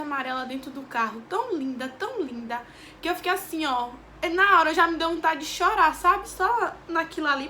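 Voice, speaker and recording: A woman's voice: high voice, bright, forceful tone, slight background noise. A young woman from Brazil with a Bahian accent, telling a heartfelt, devout personal story in a vlog, repeating phrases as she goes. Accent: Bahian Brazilian Portuguese. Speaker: vlogger. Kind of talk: emotional personal testimony.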